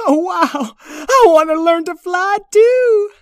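A woman voicing a timid, excitable little boy puppy who talks in an anxious, eager whine. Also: measured pace, no room sound, clean studio sound. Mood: amazed, eager. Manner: anxious, whiny, high and eager.

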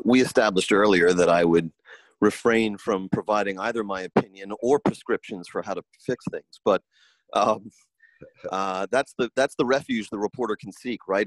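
A man from New York, a political reporter, answering in a measured, wordy and dryly wry way. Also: fairly low pitch, dry recording. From New York, USA. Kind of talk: interview answers.

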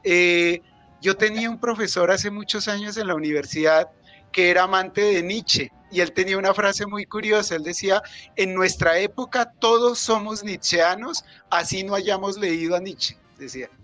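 Faint music plays behind this Colombian author, a middle-aged guest at a book presentation who explains literature discursively and hesitates often. He speaks at a moderate pace in a high, bright, forceful voice.

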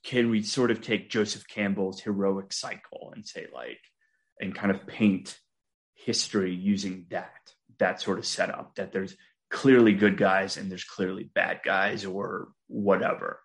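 A male podcast interviewer with a fairly low voice. He sets up his question slowly and thoughtfully, in a relaxed conversational way. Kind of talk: casual interview chat.

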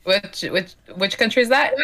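A woman's voice: medium pitch, normal speed, a bit bright. A woman from Slovenia, a native Slovenian speaker, chatting as a podcast guest in a self-deprecating way over a video call. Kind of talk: casual chat.

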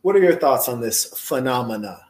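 A man's voice: medium pitch, lively intonation, fairly quick, a little mellow. Slangy joking man in an echoey room. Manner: slangy, jokey, laughs often. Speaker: podcast host. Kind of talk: casual chat.

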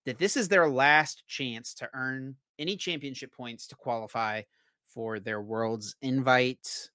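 Animated male podcast host, dry close mic. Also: dry recording. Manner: animated, quick to laugh, shifts from loud to low. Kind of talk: casual podcast chat.

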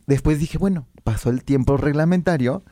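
A woman with a Mexican Spanish accent, a podcast guest telling candid stories in a lively way, laughing often and acting out her own past words. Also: sits low, moderate pace, dry recording, clean studio sound. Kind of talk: frank candid storytelling.

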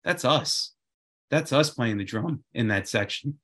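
A man's voice: mid-range voice, lively intonation, a little slow, a bit bright. A man chatting casually and enthusiastically, often repeating phrases for emphasis. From Queens, New York. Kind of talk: casual chat.

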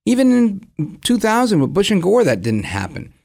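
A fairly high-voiced man in his forties speaks a creaky edge. His delivery swings widely in pitch as he argues in a conversational, opinionated host style, throwing out rhetorical questions and mimicking imagined speakers. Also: normal speed. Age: 40s. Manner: animated, acts out imagined dialogue, rhetorical questions. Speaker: host of a commentary program. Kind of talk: opinionated conversational political commentary.

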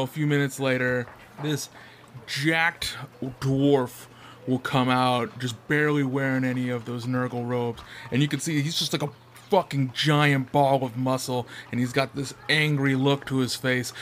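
A man runs a tabletop game, narrating scenes off the cuff. His voice is of average pitch and casual, with clear noise behind it. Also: fairly bright tone. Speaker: game master.

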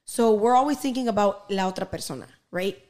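A woman's voice: medium pitch, fast, darkish tone. Lady podcaster chatting casually, swears a lot, hops between english and mid sentence. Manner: switches between Spanish and English midsentence; swears freely. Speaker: podcast co-host. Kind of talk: casual chat, storytelling.

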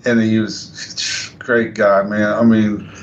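A man's voice: fairly low pitch, little pitch movement, slow pace. A man as a podcast guest, telling stories in a casual, rambling way with many fillers and restarts. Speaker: guest wrestler. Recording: slightly dull lo-fi audio with faint noise.

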